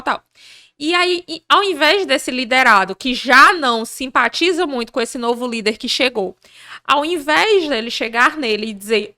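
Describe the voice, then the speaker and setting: A woman with a high, bright and energetic voice talks as a podcast guest. She tells lively stories and takes on the voices of the people she describes. The recording is close and dry, with no room echo. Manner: animated, acts out dialogue in her stories. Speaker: podcast guest, business leader. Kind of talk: conversational interview.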